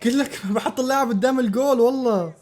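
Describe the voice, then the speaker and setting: A man reacting live to a football match, excitable and full of repeated exclamations. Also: very high voice, fast talker.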